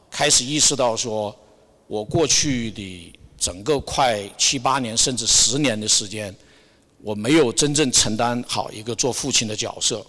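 A man's voice: mid-range voice, pushed and bright. A middle-aged man giving an informal church testimony, hesitant and searching for words, with English words mixed in. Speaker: church member sharing a Sunday message. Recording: long hall reverb.

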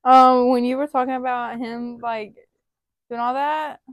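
A woman's voice: high-pitched, fairly even intonation, measured pace, no room sound. A teenage girl co-hosting a podcast, talking casually and hesitantly, filling with many "like"s. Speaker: podcast co-host. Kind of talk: casual chat.

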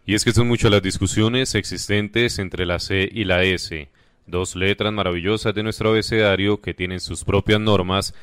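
A young man, reading a mock news report in a brisk formal manner. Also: on the low side, fairly even intonation, fairly bright tone, clear, resonant tone, no room sound, clean studio sound. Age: young adult.

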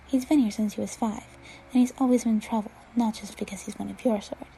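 A stern matron with a clipped, nasal voice, speaking curtly and coldly as if every word is an order, as a woman reading the story puts her on. Her tone sits a little high yet dark and mellow in colour. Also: steady tone, fast, gravelly, a little hiss or hum, low-quality recording. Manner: cold, curt. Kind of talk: fan fiction read-aloud.

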